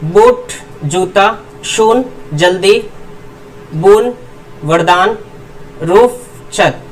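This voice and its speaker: Explaining English pronunciation, a teacher with a medium-pitched voice keeps posing rhetorical questions and answering them, drilling word pairs slowly, giving each word followed by its meaning. The explanatory lesson is recorded far from the mic, roughly, with a little hiss or hum.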